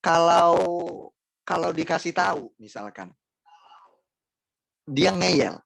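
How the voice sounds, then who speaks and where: Gravelly-voiced man preaching a sermon. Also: a little high, expressive, slow pace, fairly bright tone, dry recording, poor audio. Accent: Indonesian. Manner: addresses congregation directly, rhetorical questions, emphatic repetition. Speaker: pastor.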